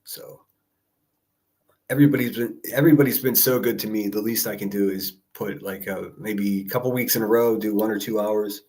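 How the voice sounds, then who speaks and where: A man's voice: on the low side, steady tone, fairly quick, warm tone. A man hosting a live call-in show, chatting informally as he coaxes and greets listeners. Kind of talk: casual livestream chat. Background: background music.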